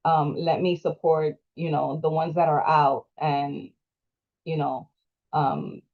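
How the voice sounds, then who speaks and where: A woman's voice: low-pitched, fairly even intonation, slow, narrow, tinny audio. A woman moderating a panel, chatty and encouraging, tagging questions like "right?". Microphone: video call.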